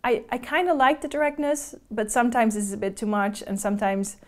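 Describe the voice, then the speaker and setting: A woman's voice: on the high side, fairly even intonation, brisk. A woman in her thirties from the Netherlands, a native Dutch speaker talking in English, candid and musing in a casual interview. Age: 30s. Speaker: blind date participant. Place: indoors, hotel room and restaurant.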